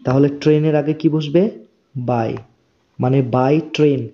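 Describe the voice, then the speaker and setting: Slow, dark-voiced male teacher. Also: a little high, fairly even intonation. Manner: slow, deliberate repetition of phrases with word-by-word explanation. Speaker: English teacher. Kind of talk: spoken English lesson for Bengali speakers. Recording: dull, lo-fi recording.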